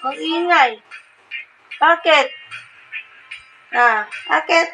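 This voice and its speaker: Mom cooing baby talk at her infant, coaxing sing-song voice, pitched up high. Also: extremely slow, vocal fry, rough recording. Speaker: mother. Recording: loud music over the voice.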